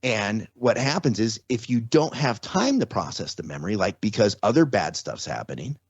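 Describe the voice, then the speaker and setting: A husky-voiced man, pitched lowish with large swings, talks at a moderate pace as a podcast guest in a casual explanatory interview. He takes things step by step with everyday examples, and the sound is lo-fi with no echo.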